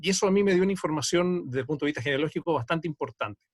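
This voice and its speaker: Man, Chilean accent, somewhat high voice, methodical, fillers, dry sound. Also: racing, no room sound. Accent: Chilean Spanish. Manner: detailed, methodical account with frequent fillers. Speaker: audience member, genealogy researcher. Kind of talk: online Q&A comment.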